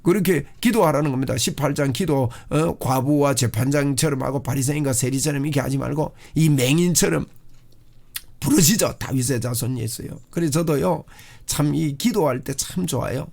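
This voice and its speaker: A man preaching a sermon as a pastor, fervent, often rising into loud cries of prayer. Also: on the high side, brisk, creaky.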